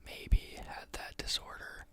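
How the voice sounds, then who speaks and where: Reading a book aloud before drifting into spoken reflection, an instructive ASMR host keeps to a quiet, slow whisper. The delivery is dotted with frequent pauses and fillers.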